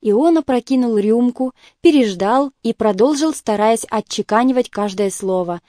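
A woman narrating a literary novel as an audiobook in a measured storytelling voice. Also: on the high side, dark tone, no room sound, studio quality.

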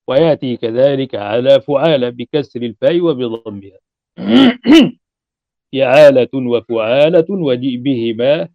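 A man of middle pitch teaches a grammar lesson, reciting verse and then walking through examples at an unhurried, patient pace. He clears his throat now and then and checks that students follow. The recording is dull and lo-fi, with a dry, close sound. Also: no room sound. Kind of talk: recorded lecture explaining a grammar poem.

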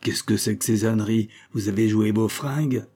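A man voicing a gruff, bold old sea captain who barks orders in rough sailor slang. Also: on the low side, steady tone, normal speed, mellow. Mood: gruff, bossy.

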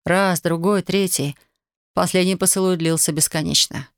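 An even, dry audiobook reader. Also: medium pitch, moderate pace, clean tone, no room sound. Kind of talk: scripted literary narration.

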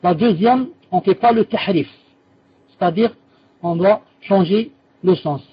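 Speaking at a measured pace in a high, husky voice, this man explains a religious lesson and answers his students' questions. He patiently repeats key terms and corrects himself along the way, and the audio quality is lo-fi.

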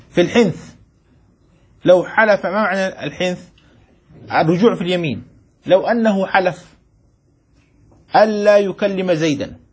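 A man teaching a classroom lesson, often asking his students questions, repeating his points and chanting rhyming lines slowly for dictation. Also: sits high, slightly rough. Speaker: teacher of Islamic jurisprudence.

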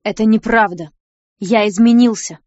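A woman reading a story aloud, voicing a weary, guilty grown man who speaks haltingly. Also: medium pitch, a little mellow, dry recording, muffled recording, lightly acted. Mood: defensive. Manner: subdued, halting.

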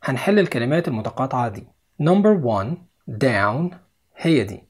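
Young Egyptian man, patient video English teacher, breathy voice, mid pitch. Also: big pitch swings, moderate pace, darkish tone. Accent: Egyptian Arabic. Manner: explains step by step, repeats each English word twice. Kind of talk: video lesson.

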